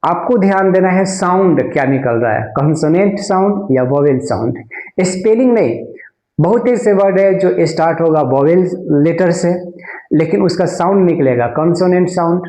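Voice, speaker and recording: Bihari accent guy teaching english grammar, kinda high mellow voice, keeps repeating stuff and asking the class, echoey room. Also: animated, normal speed. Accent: Bihari Hindi. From India. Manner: explains patiently, repeats words and asks questions.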